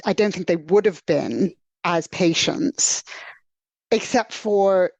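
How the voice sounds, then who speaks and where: A woman's voice: on the low side, takes it slowly, creaky, darkish tone, no echo. A woman hosting a podcast film discussion, building her points thoughtfully and at length. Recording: dry close recording.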